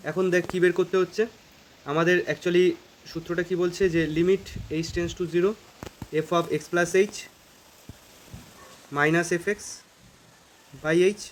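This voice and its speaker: A man's voice: sits high, level tone, takes it slowly, pauses often, slight background noise. A man teaching calculus in a casual, informal way, thinking aloud as he works through problems. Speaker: math teacher. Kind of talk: informal math lesson.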